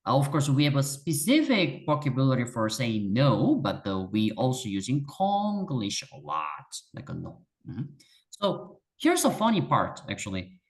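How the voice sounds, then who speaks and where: In a one-on-one language lesson, a native Korean speaker with a Korean accent patiently encourages a beginner, repeating words for emphasis. The voice is medium-pitched with wildly swooping intonation and a measured pace.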